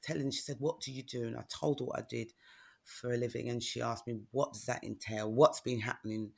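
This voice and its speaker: A middle-aged woman tells a personal story in a relaxed conversation, candid and plain-spoken. Her voice is gravelly and a little husky, and she keeps checking in with "do you know what I mean?". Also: a bass voice, brisk. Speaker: guest, author.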